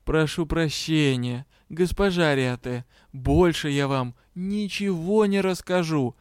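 A man's voice: on the high side, slow pace, clear, resonant tone, dry recording, studio quality. A man playing a brash, teasing dragon. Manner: brash, teasing, mock-indignant. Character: cheeky male dragon, teasing and shameless.

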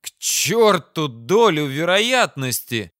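A man's voice: on the high side, big pitch swings, slow pace, no room sound, studio quality, exaggerated voice. A man reading an audiobook, voicing a hot-headed male commander who angrily insists the enemy must be stopped at any cost. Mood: furious. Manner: agitated, forceful outbursts.

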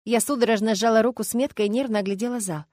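A woman narrating a first-person audiobook in an expressive, lively reading style. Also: on the high side, rapid-fire, no room sound, clean studio sound.

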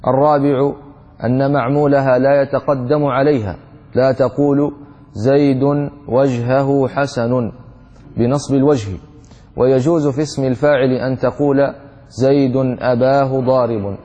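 A man reads a grammar text aloud in a steady, even voice with hardly any rise or fall. The tone is dark and mellow, and the sound is dull, with a long hall reverb behind it. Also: mid-range voice, normal speed. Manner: steady flat reading voice. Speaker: student reading the text aloud.

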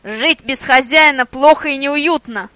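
A gruff male guard dog chief barks out slow, heavy, growling words, as a woman reads him. The voice is high and bright, with a tight, dry sound. It sounds like a storybook reading. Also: steady tone, dry recording. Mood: unsure.

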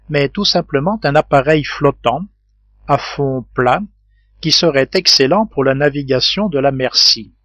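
A man narrating a classic adventure novel as an audiobook, telling it in a steady, even way. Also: medium pitch, no room sound, highs cut off. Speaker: audiobook reader. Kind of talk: scripted narration.

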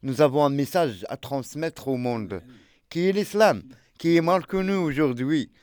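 A man's voice: mid-range voice, lively intonation, moderate pace, a little mellow, clean tone, no echo, studio quality. A man speaking French in a casual street discussion, explaining earnestly and often repeating words as he searches for them. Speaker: street interview participant, translator. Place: outdoors in a street.

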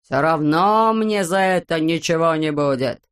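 A woman with a lowish, clean-toned voice plays the bald, bossy, greedy male landowner of an audiobook. He's furious, screeching and yelling in drawn-out words while flinging insults.

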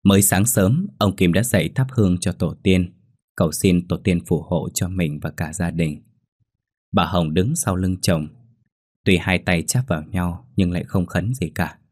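A man narrating a scripted ghost story in a steady, measured way. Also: sits low, no echo, clean studio sound. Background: faint background music.

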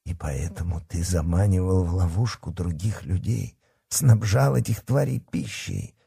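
A man's voice: low-pitched, unhurried, gravelly, mellow, slightly rough, dry recording, studio quality, full character voice. A man voicing a menacing male werewolf who growls, hisses and purrs his threats.

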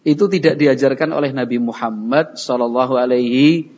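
A man's voice: medium pitch, normal speed, a little mellow. A man preaching a sermon in a folksy way, acting out everyday dialogues. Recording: dull recording in a reverberant hall.

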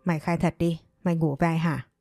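A woman's voice: low voice, steady tone, fast, a little mellow, no echo, clean studio sound, soft background music. A woman reading as a harsh scolding mother. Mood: scornful. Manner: coarse, accusing, contemptuous.

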